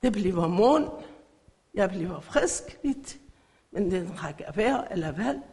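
A middle-aged woman from Iran, giving an emotional church faith testimony in halting phrasing. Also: medium pitch, animated, dark tone. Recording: echoey hall.

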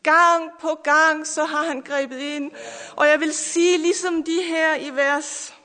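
A woman's voice: high voice, fairly even intonation, sharp tone. A middle-aged woman preacher giving a fervent, emotional sermon and testimony, repeating hallelujah, her voice at times breaking with tears. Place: church or camp meeting hall. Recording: long hall reverb.

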